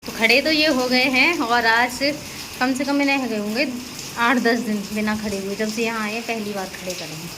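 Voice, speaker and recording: A woman's voice: on the high side, moderate pace. A woman chatting casually to viewers in a home vlog, explaining each step of her caregiving routine as she does it. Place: at home during heavy rain. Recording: rain noise in background.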